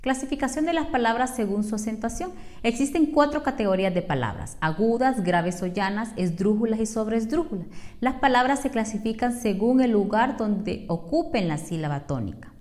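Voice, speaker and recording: A woman from Honduras teaching a scripted lesson, speaking slowly and clearly and listing examples one by one. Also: on the high side, expressive, darkish tone.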